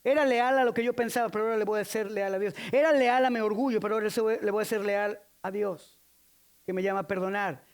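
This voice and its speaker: A man's voice: high-pitched, steady tone, quick pace. A man from Mexico City with a Mexican accent, preaching a sermon emphatically, calling for responses and teasing the congregation. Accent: Mexican Spanish. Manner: playful teasing asides. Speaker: pastor.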